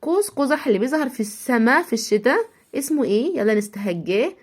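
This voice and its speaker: An Egyptian woman teaching English words to young children, with a voice pitched a little high. She breaks each word into small sounds, stretches them out slowly, and says every word several times. She keeps asking the listener to say the words along with her. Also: animated, breathy edge. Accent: Egyptian Arabic. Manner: has the listener repeat after her. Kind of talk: spelling-out vocabulary lesson for children.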